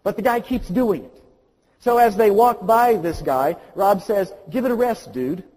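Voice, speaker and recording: A male pastor preaching an impassioned sermon, swinging from quiet to loud. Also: sits high, animated, measured pace, big-room sound, low-quality recording.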